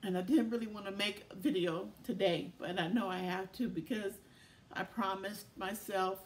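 A middle-aged woman talking in a casual video diary, weary and emotional, speaking haltingly with many pauses. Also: mid-range voice, fairly even intonation, slight background noise. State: tired and tearful. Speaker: vlogger.

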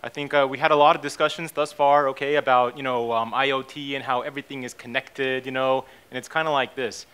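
A man's voice: mid-range voice, steady tone, brisk, few pauses, fairly bright tone, clean tone. A man, giving a casual conference talk on stage, full of fillers and "okay?" and "right?" checks. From born in Japan, raised in the United States. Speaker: keynote speaker, company CEO. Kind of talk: conference presentation. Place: conference stage in a hotel hall.

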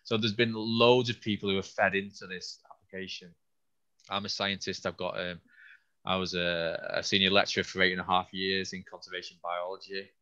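A scientist hosting an online Q&A, answering questions haltingly with many restarts while losing his voice a little. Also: low voice, flat delivery, pushed and bright, highs cut off. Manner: halting, with frequent restarts and fillers. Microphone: video call.

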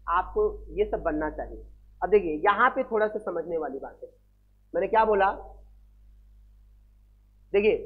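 High-voiced man lecturing on physics. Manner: addresses students as beta, repeats key values and asks quiz questions. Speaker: physics teacher. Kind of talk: classroom lecture. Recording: tinny phone-like sound.

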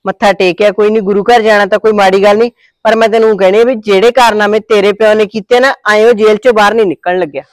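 A woman's voice: medium pitch, fairly even intonation, quick pace, no echo, natural voice. An actress with a Punjabi accent playing a sarcastic, scolding middle-aged mother-in-law in a village family drama.

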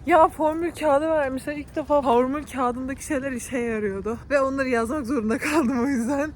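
A woman's voice: high-pitched, steady tone, a little fast, slight background noise. A young woman in her twenties, a university student, venting animatedly in a casual vlog, filmed on a phone outdoors. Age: 20s. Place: outdoors on campus streets, windy. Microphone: phone camera at arm's length.

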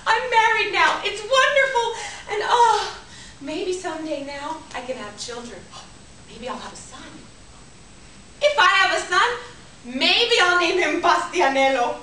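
A woman's voice: very high-pitched, animated, measured pace, pushed and bright, voice pushed up, full character voice. Woman playing a wailing young bride. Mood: dreamy to wailing. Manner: wails and sobs dramatically. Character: weepy young bride, dreamy and overwrought. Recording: echoey room, distant mic, faint noise.

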